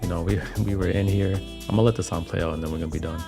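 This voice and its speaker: Male stream host, very deep and gravelly, relaxed and slangy. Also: rapid-fire. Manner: laid-back, slangy, chatty. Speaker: livestream music host. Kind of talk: casual livestream chat over music. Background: music playing.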